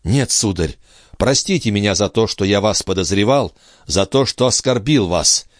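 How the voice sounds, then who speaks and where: A man reads a hot-tempered young nobleman, emotional and quick to raise his voice, with a lively, swinging delivery. The recording is dry and close. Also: on the low side, no room sound, voice pushed up, close to an everyday voice. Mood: anguished. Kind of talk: audiobook reading.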